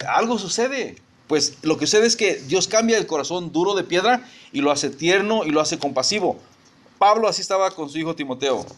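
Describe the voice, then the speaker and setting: A middle-aged pastor preaches to his congregation in a loose, conversational way. His voice sits a little high for a man, and he often restarts his sentences as he talks things through. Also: lively intonation, fairly quick, fairly bright tone. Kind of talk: sermon.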